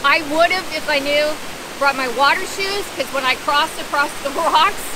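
A middle-aged woman with a high voice records a casual travel vlog outdoors beside a waterfall, chatting with dry, teasing remarks. She holds the camera at arm's length, and the rushing waterfall is audible behind her.

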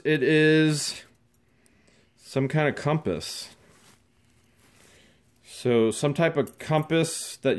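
Excited man narrating an unboxing. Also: mid-range voice. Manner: excited, chatty, narrating to camera. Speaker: host. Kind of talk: casual unboxing vlog. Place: dusty garage.

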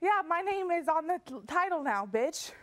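A woman with a very high voice, brash and mocking as a guest on a talk show. She throws insults and sneers through a heated argument. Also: expressive, moderate pace, fairly bright tone.

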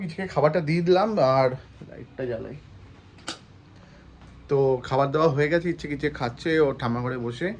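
Fast-talking man vlogging at home. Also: mid-range voice, slight background noise. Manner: rambling, explains his plans step by step. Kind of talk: casual home vlog chat.

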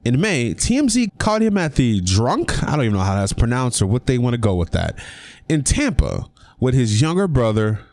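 A man's voice: medium pitch, very animated, normal speed, darkish tone, no room sound. A young man talking casually on his own vlog, giving his opinion with emphatic rhetorical questions. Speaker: sports commentary vlogger. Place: indoor room.

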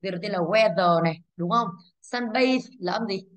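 A woman's voice: medium pitch, normal speed. A woman teacher with a Vietnamese accent going over exam answers, explaining patiently, checking in with rhetorical questions and correcting herself. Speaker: English teacher. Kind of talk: exam review lesson.

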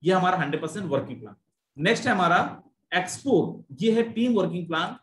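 A man presenting an investment plan in a persuasive sales pitch, repeating figures and mixing in English phrases. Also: animated, fairly quick, echoey room, a little hiss or hum.

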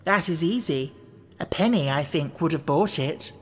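A reader voicing a gentle, dithering storybook queen with a dainty, cooing manner. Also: medium pitch, moderate pace, breathy edge, long reverb tail, natural voice. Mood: reciting riddle.

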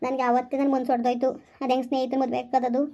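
A woman playing a frightened married village woman in a family skit, pleading desperately and talking fast. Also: high voice, level tone, warm tone.

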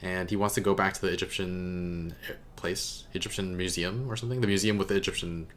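A young adult man hosts casual reaction commentary from a room at home, speaking close to a desk mic in front of him. His voice is low-pitched with fairly even intonation, slightly fast and a bit bright, with a little hiss or hum in the background.

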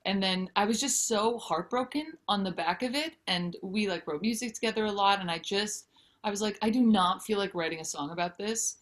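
Talking briskly in a mid-range voice, a woman in her thirties, who writes songs and books and sings, gives a casual interview by video call from home. She's candid and animated, using her hands, with a brick wall behind her.

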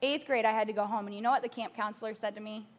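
A woman's voice: mid-range voice, steady tone, rapid-fire. A woman in her thirties preaching on a church stage, telling personal stories in a conversational way with asides to the audience. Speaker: pastor. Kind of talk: sermon.

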